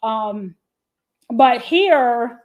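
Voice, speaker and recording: A woman co-hosts a livestream in relaxed chat. Her voice sits a little high, and she laughs often and reads viewer comments aloud. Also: very slow, lo-fi sound. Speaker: livestream co-host. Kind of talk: casual chat.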